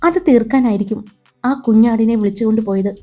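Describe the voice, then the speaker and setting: A reassuring young sister-in-law in an audio love story, voiced by a woman narrator. She explains things in a confident, even way. Her voice is mellow and a little high, with soft music behind. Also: quick pace, natural voice.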